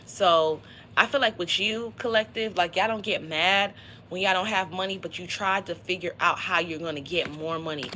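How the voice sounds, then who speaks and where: A woman's voice: on the low side, moderate pace, pushed and bright, slight background noise, rough recording. A woman giving a casual, motivational tarot reading on a livestream, talking in a slangy, conversational way. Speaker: tarot reader.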